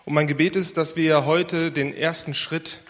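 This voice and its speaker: Earnest preacher in a reverberant hall. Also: male voice, a little high, fairly even intonation, normal speed, fairly bright tone. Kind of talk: sermon with prayer and Bible reading. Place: church hall.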